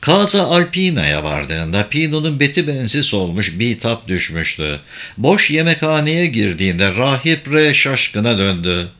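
A man narrating an audiobook in a measured, somber reading. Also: mid-range voice, sing-song, sharp tone.

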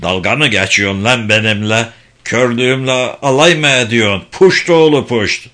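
A man voicing a blind, gruff, foul-mouthed old village father who bellows curses in a storybook reading. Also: mid-range voice, moderate pace, bright, forceful tone, lightly acted. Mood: bellowing angry. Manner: bellowing, cursing, then chuckling.

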